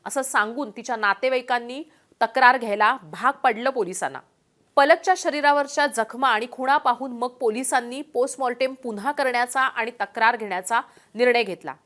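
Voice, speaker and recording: A woman reading a scripted news story in a grave, measured way, with a Marathi accent. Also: fairly high pitch, fairly bright tone. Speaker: news narrator.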